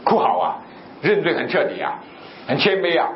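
Male pastor, animated sermon delivery, roomy reverb, faint hiss. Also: fairly high pitch, normal speed. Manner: animated, rhetorical questions, storytelling. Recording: echoey, slightly dull recording with faint noise.

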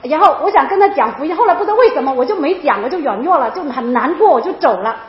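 A woman with a high voice talks fast as she gives an animated, emotional personal testimony, repeating herself often. The echoey room and lo-fi recording make the sound roomy and dull.

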